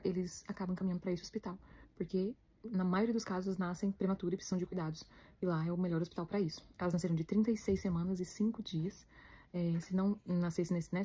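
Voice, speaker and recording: A Brazilian woman with a Brazilian Portuguese accent, chatting to her viewers in a rapid, emotional way as she retells her story. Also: on the low side, dark tone, slightly rough. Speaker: vlogger, new mother.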